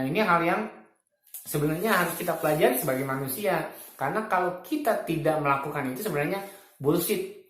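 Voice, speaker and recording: A man's voice: medium pitch, fairly bright tone, echoey room. A man in his fifties giving spiritual reflections in a casual, colloquial way, often chuckling as he makes his points. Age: 50s.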